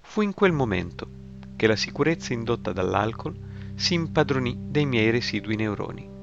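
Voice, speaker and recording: A man narrating a first-person story in a wry, ironic way, with a gravelly voice. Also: medium pitch. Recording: slightly muffled, music behind.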